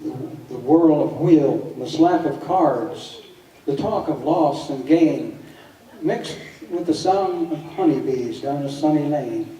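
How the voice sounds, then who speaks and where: Male cowboy poet, very dark mellow drawl, unhurried recitation, echoey room. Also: a little high. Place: live on stage at a gathering. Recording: echoey hall, distant microphone.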